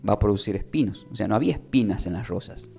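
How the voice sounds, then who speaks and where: A Tucumán man with a lowish, gravelly, warm voice preaches fast and expressively, soft music in the background. In Argentine Spanish, he runs a call-and-response Bible class, having listeners repeat him with emphatic rises.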